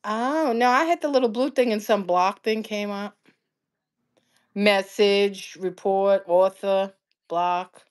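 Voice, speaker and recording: A woman's voice: medium pitch, slow. A woman in her fifties hosting a casual live stream from her living room, chatty and blunt, talking into a phone at arm's length. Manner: chatty, blunt, laughs easily. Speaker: cooking channel host. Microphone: phone held at arm's length.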